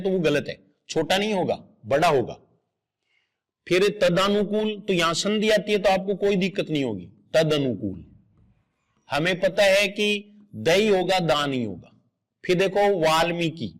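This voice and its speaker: A man with a high voice gives a grammar lesson for exam students. He explains patiently, step by step. He repeats each correct spelling aloud so it sticks. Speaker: exam coaching teacher. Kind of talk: explanatory lecture.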